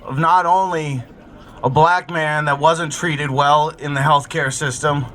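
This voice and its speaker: A man's voice: fairly high pitch, fairly even intonation, measured pace, fairly bright tone. Earnest man speaking at a street rally. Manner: earnest, emotional. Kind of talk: protest speech. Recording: street noise outdoors.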